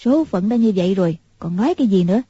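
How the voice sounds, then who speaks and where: A woman's voice: medium pitch, animated, fast, mellow, husky, dry recording. A woman voicing a grim older recluse woman, harsh, dry muffled recording. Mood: bitter.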